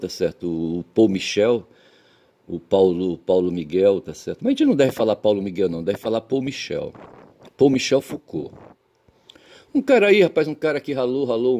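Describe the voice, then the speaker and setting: Speaking in a fairly low, mellow voice, this Brazilian man hosts a channel and rambles alone in Portuguese with a Brazilian accent. Phrases often end with "tá certo?" or "sabe?" as he checks in with the listener, and his manner is folksy, pedantic and blunt, with the odd curse.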